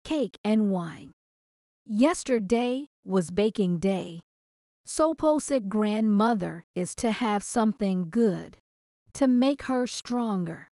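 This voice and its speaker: A woman putting on a young, innocent storybook girl, earnest and trusting. The voice is soft and mellow, with an unhurried, gentle pace. It sounds close and dry, with no room around it. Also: medium pitch, animated, dry recording. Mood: chatty. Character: little girl in a red cap, innocent and trusting.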